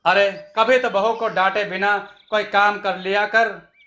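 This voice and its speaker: A man voicing a kindly, patient father-in-law in a storybook tale, speaking gently. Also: high voice, steady tone, unhurried. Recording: echoey room.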